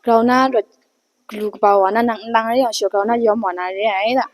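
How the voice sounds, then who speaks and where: A woman giving an unhurried talk, often pausing and hesitating. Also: medium pitch, steady tone.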